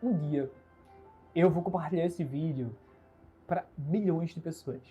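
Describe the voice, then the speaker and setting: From his bedroom, a young entrepreneur in his twenties from Recife, Brazil, hosts a solo livestream on his own channel, captured by smartphone camera. His slightly high voice has a dark tone and measured pace, and the audio is dull with faint music behind. With a Recife Brazilian Portuguese accent, he chats earnestly and casually, upbeat, self-assured and gesturing a lot.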